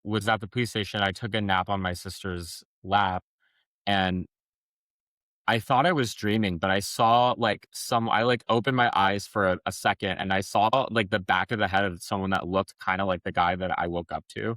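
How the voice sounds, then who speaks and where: A man's voice: fairly low pitch, fairly even intonation, moderate pace, fairly bright tone, no room sound. A man speaking as a podcast guest, telling a personal story frankly in a rambling way, with many restarts. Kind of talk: personal testimony in an interview.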